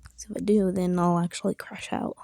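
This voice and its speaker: This drawing-video creator, a young woman, chats casually as she works, her soft voice frequently slipping into a whisper along with self-deprecating comments. Her voice is lowish and gravelly, with a flat, brisk delivery. The recording is dry and studio quality.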